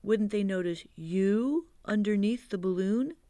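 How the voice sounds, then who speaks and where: Reader doing a kind, practical storybook boy: high, eager, bright. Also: a little slow, dry recording, lightly acted. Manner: bright, raised, eager questions.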